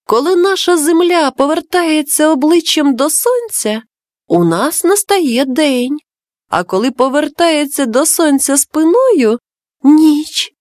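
A woman's voice: sits high, expressive, slow pace, darkish tone, dry recording, clean studio sound, pitched above the performer's own voice. A woman voicing a clever, bossy little boy in a storybook reading, eagerly explaining things to his friend.

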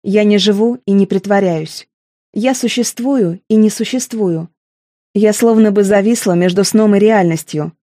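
Woman reading a first-person audiobook, intimate and emotional, warm dry sound. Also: medium pitch, moderate pace, dry recording. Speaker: narrator.

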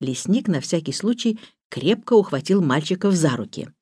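A woman narrating a children's storybook in a steady, expressive reading voice. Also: lowish voice, moderate pace, husky, no echo, studio quality. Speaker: audiobook narrator.

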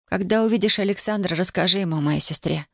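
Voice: mid-range voice, fast, gravelly, a bit bright, dry recording. A reader voicing a stubborn young woman grieving in wartime, in a dry studio audiobook recording. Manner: cold, insistent, pleading. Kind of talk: audiobook character voice.

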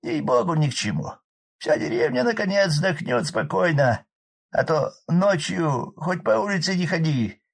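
A hoarse, shrill drunken villager. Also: male voice, normal speed, exaggerated voice. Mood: agitated fussing. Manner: rambling, excitable, pious muttering. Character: hoarse drunken village man, fussy and garrulous. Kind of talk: audiobook character voice.

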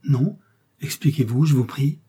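Male reader doing a scheming young noblewoman, breathless pleas, husky timbre. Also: medium pitch, unhurried, warm tone, pitched above the performer's own voice. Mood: anxious, pleading. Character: cunning young noblewoman captive.

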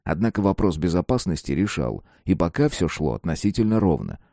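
A man's voice: low voice, big pitch swings, fairly quick, creaky, dark tone, dry recording, clean studio sound. A man narrating a first-person audiobook in a casual, slangy, sometimes crude manner.

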